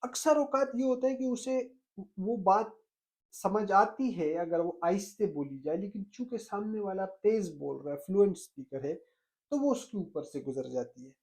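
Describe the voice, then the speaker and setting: Earnest man teaching, phrases repeated slowly. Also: high voice, darkish tone. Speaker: language teacher. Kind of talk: spoken language lesson.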